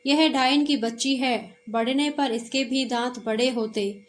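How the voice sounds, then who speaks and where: A woman voicing panicked, gossiping village women in a read-aloud story, speaking slowly in a high voice. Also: steady tone, a little hiss or hum. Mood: alarmed.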